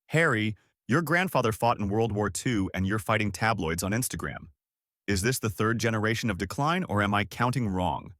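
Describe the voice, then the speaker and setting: A man's voice: on the low side, expressive, moderate pace, fairly bright tone, no room sound, studio quality. A man voicing a sarcastic male talk show host who asks a mocking question.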